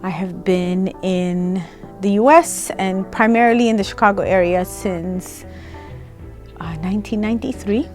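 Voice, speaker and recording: A woman from Ethiopia speaks with conviction, pressing her points and checking in with the listener as she goes. Her pitch is mid, and quiet music plays faintly under her voice. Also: measured pace. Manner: emphatic, often adds tag questions. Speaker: programs director. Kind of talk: interview-style testimonial.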